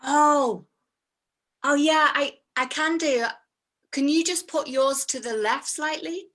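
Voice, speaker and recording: Over a video call, a woman who performs and hosts improv leads a scene, chatty and giggly and full of fillers. Her voice sits high and a bit bright, and she talks slowly.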